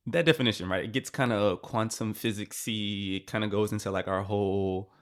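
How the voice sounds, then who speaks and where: A man's voice: on the low side, fairly even intonation, fairly quick. A man co-hosting a podcast, talking loosely and conversationally, with lots of "like" and "right?" tags. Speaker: podcast co-host. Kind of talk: casual chat.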